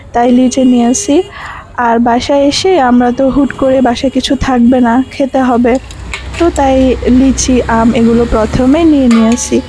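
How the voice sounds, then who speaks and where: A young woman with a Bangladeshi Bengali accent, her voice hoarse from a cold and fever, narrates her travel vlog in a chatty, storytelling voice-over. Her pitch sits high, yet the tone stays mellow and warm. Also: slight background noise, rough recording. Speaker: vlogger.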